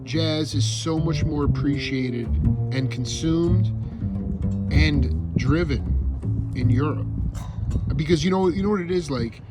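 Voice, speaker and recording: A man's voice: fairly high pitch, slow, over loud music. A man hosting an interview at a guest's house, asking eager, rambling questions full of restarts. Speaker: show host. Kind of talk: casual interview.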